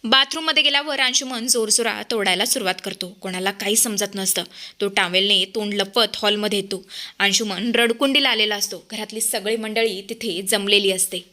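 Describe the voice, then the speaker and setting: Bright-voiced woman recapping a serial. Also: mid-range voice, fairly quick. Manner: lively, addresses viewers. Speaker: TV serial reviewer.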